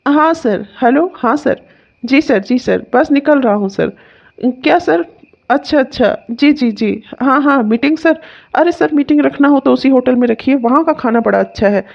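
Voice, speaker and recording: A woman's voice: high-pitched, moderate pace, creaky, muffled recording. A woman voicing a rude grown son in a cartoon comedy, who mocks his wife's cooking and fawns over his boss on the phone. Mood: fawning. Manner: mocking, complaining; obsequious on the phone.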